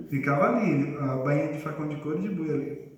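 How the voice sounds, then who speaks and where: In a church congregation hall, a male preacher gives a conversational sermon and quizzes his congregation. His voice is on the high side with a darkish tone. The room is echoey, and he is far from the mic.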